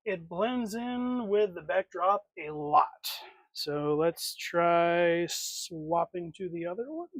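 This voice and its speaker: Here a man hosts a laid-back livestream, rambling aloud to himself as he works on swapping figure parts. His voice sits high and is expressive and creaky, and he speaks slowly. The recording is studio quality with no room sound.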